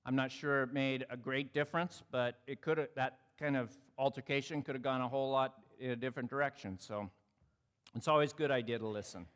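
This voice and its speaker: Man, mid-pitched voice, reflective storytelling talk, reverberant hall. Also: a bit bright. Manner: reflective, conversational, acts out quoted dialogue.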